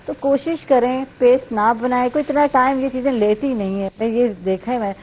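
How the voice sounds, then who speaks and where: Woman, morning show host, fairly high voice, chatty, dull studio sound with faint hiss. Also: fairly even intonation. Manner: chatty, affirming with frequent "theek hai". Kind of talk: live cooking segment chat.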